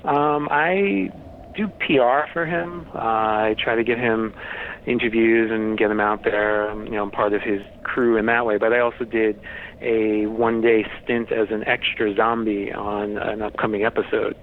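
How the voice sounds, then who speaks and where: A man's voice: lowish voice, fairly even intonation, normal speed. A man speaking casually as an interview guest, explaining things in a matter-of-fact way. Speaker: interview guest, horror host website runner. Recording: tinny phone-like line with faint noise.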